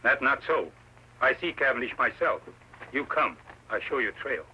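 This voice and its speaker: Tonto, terse, piercingly bright-voiced loyal companion. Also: male voice, mid-range voice, animated, moderate pace. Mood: insistent. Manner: terse, clipped broken English. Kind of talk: old-time radio western acting. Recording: tinny, faintly noisy old radio recording.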